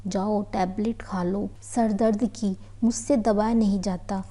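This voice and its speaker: A woman's voice: medium pitch, fairly even intonation, a little slow, warm tone, close to an everyday voice. A woman reading as a curt, irritable husband. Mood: irritated.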